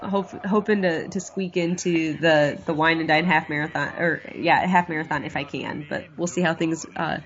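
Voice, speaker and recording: A woman's voice: low voice, fairly even intonation, moderate pace, hardly any pauses. Congested woman with a nasal cold voice. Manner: chatty, rambling, laughs often. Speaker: podcast co-host. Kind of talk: casual chat. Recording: dull lo-fi audio.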